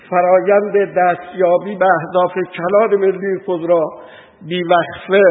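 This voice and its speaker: A man delivering a formal prepared speech as an industry association representative, reading long lists at a measured pace. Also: high-pitched. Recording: tinny phone-like sound in a reverberant hall.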